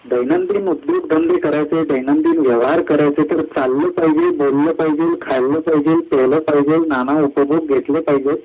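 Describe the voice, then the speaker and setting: Husky man giving a lively devotional talk. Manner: rises high in lists of spiritual words, slows on key phrases. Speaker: satsang speaker. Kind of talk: devotional discourse. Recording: tinny phone-like line.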